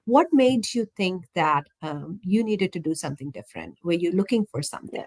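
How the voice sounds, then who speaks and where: A woman's voice: fairly low pitch, animated, brisk, a little mellow. A woman hosting an online interview over a video call, upbeat and chatty with many fillers. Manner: upbeat, lots of fillers and laughs. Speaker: host. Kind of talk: casual interview chat. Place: home.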